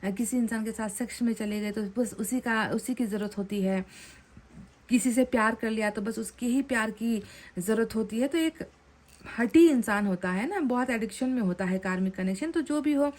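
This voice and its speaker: A woman's voice: a little high, normal speed, darkish tone. Earnest woman giving a tarot reading. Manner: chatty, often ends phrases with a tag question; earnest, repeats and rephrases points. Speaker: tarot card reader. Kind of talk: pick-a-card tarot reading addressed to viewers.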